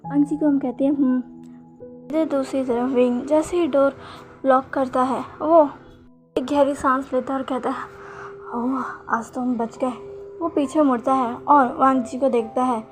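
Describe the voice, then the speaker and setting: Brief: female storyteller, high voice, faint music bed, reads all parts the same. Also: fairly even intonation, moderate pace. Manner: reads every character in much the same voice. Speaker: fanfiction narrator. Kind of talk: storytelling narration with character dialogue. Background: faint background music.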